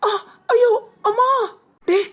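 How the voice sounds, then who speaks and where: A strained, very high voice of a panicky young man, as a woman puts him on. He shrieks frantically for help. This is cartoon voice acting. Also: takes it slowly. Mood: panicked.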